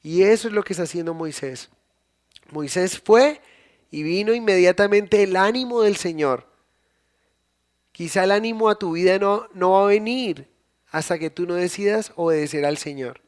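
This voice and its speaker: A man with a notably high voice delivers a live church sermon. He keeps asking the congregation questions and circles back over his phrases to drive points home. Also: normal speed. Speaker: pastor. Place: church service, recorded live.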